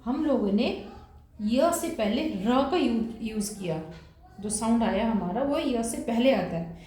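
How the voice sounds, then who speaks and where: A woman's voice: a little high, expressive, measured pace, mellow, a little hiss or hum. A woman teacher giving a classroom lesson, spelling words out sound by sound and mixing in terms. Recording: very echoey room.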